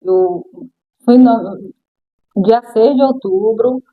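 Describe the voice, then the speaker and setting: A woman's voice: fairly high pitch, drawn-out words, slightly rough, phone-quality sound. A middle-aged woman with a Brazilian accent, a guest sharing her personal testimony in an interview and acting out the voices of the people in her story.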